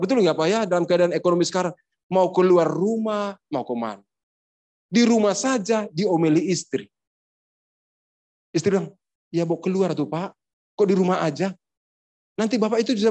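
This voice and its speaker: High-voiced pastor preaching playfully. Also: male voice, a little mellow. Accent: Indonesian. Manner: playful, acts out household dialogues. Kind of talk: sermon. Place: church.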